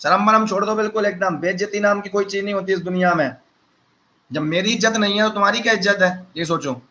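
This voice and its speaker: A man with a high, bright voice leads a physics lecture, joking with his students and calling them son and brother. He talks casually, firing off questions and answering them himself. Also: quick pace, rough recording. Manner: teasing, conversational, addresses students as beta and bhaiya. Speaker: teacher.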